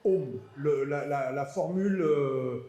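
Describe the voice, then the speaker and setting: Guy giving a lecture, fairly high voice, stumbles and repeats words a lot, echoey hall sound. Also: slow, warm tone. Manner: hesitant, repeats words, dry asides. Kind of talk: academic lecture.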